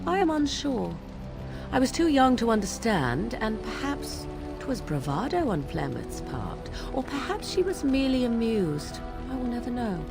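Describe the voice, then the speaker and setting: Fairly high-pitched and very animated, with vocal fry and a moderate pace, an actress plays a sly young witch as game music runs behind. She teases in an archly formal, wry manner, aloof and mocking.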